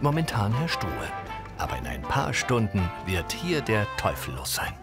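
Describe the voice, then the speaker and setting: A man's voice: on the low side, huge pitch swings, moderate pace. A man narrating a travel documentary in scripted voice-over. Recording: loud music bed under voice-over.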